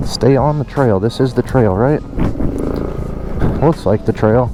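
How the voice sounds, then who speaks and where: A man's voice: mid-range voice, unhurried, music in the background, poor audio. A young man giving casual, slangy, exclaiming commentary while jostled on a bumpy off-road motorbike ride outdoors, talking with some effort. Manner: excitable, exclaiming, slangy bro talk. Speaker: vlogger riding a dirt bike. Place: outdoors on a moving motorbike on woodland trails.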